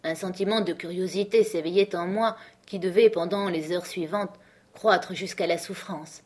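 A woman reading a classic novel aloud in a measured, composed narration. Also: fairly low pitch, steady tone, darkish tone, breathy edge. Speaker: audiobook reader. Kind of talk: scripted narration.

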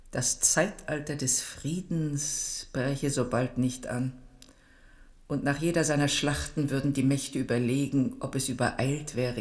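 An imperious queen in a radio drama. She is shrewd and cutting, with a regal, deliberate delivery and a sardonic edge. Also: low voice, darkish tone. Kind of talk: German radio drama acting.

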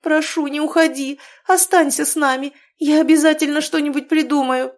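A woman's voice: sits high, steady tone, normal speed, pitched above the performer's own voice, lightly acted. A woman voicing an eager, emotional young mother who insists and pleads with her grandmother, read from a storybook. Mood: pleading. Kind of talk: storybook reading.

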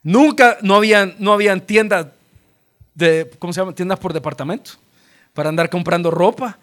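A male pastor with a Salvadoran accent preaching a sermon, telling Bible stories in an animated, humorous way. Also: sits high, moderate pace. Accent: Salvadoran Spanish.

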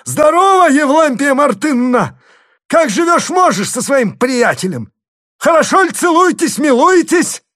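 A man reading aloud and voicing a wild old man who roars mocking words, with a hoarse, booming voice. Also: big pitch swings, a little slow, fairly bright tone, no room sound, studio quality, exaggerated voice.

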